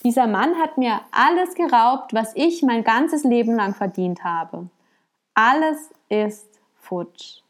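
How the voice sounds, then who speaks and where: A woman's voice: medium pitch, lively intonation, measured pace, a little mellow, natural voice. Woman doing a whiny, desperate rich man. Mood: wailing. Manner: complaining, wailing.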